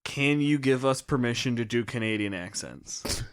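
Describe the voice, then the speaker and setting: A young man co-hosting a podcast in casual chat, joking with deadpan bits. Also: mid-range voice, normal speed, smooth. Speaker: podcast co-host.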